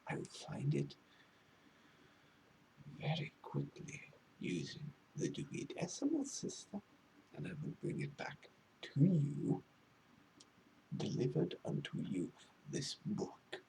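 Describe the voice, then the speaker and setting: Man playing a pompous, creaky whispering librarian, whispered role-play. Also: on the high side, wildly swooping pitch, mellow, a little hiss or hum, heavily acted, low-quality recording. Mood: flustered, eager. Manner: pompous, halting, theatrically wordy. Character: pretentious, fussy male librarian, condescending yet needy. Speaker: ASMR role-play performer.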